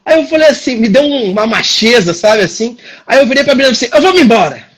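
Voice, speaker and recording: Husky, high-voiced Brazilian man telling a story. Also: quick pace. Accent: Brazilian Portuguese. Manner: animated, acts out quoted dialogue. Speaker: dance teacher. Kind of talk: casual storytelling on a livestream. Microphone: phone or computer on a live video stream.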